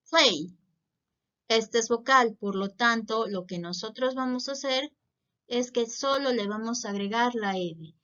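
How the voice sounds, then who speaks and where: A woman teaching English grammar in Spanish, giving clear step-by-step explanations and pronouncing English example words. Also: a little high, fairly bright tone, muffled recording.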